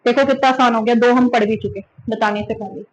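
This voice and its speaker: Woman teacher, high voice, scolds and teases, explains by everyday examples in a class lecture. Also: fairly even intonation, fairly quick, poor audio.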